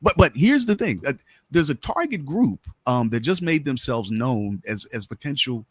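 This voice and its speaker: A man's voice: medium pitch, sing-song, moderate pace, slightly rough, dry recording. A man with a Bermudian accent co-hosting a talk show, speaking emphatically and casually as he argues his views, repeating words for stress. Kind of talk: casual opinionated discussion.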